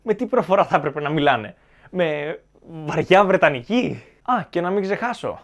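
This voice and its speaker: Sarcastic man giving opinionated commentary. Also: sits high. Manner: argumentative and sarcastic. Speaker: film commentary YouTuber.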